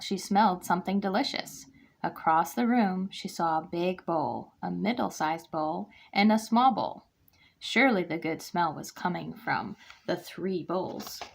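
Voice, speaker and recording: A woman with a gravelly, lowish voice reads a children's picture book aloud to kindergartners. She has come as a guest reader and performs the story expressively, voicing the characters' lines.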